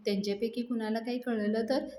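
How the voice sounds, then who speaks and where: A woman's voice: on the high side, fairly even intonation, fairly quick, dark tone, reverberant, lightly acted. Woman voicing a panicking worried mother. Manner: pleading, fretful questions. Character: anxious middle-aged mother, panicking.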